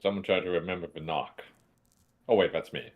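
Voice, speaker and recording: Male tabletop gamer, slightly low voice, loose casual banter among players. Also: fairly quick, phone-quality sound.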